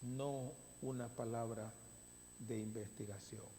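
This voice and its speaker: A man preaching a sermon as pastor, stressing words with long dramatic pauses, recorded in a church sanctuary. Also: mid-range voice, steady tone, mellow. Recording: reverberant hall, faint hum.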